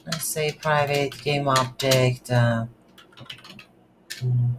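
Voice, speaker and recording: An instructor talks through an unscripted, screen-recorded game development tutorial, pausing and thinking aloud in brief phrases at a slow pace. The voice is medium-pitched and steady, with faint noise behind it.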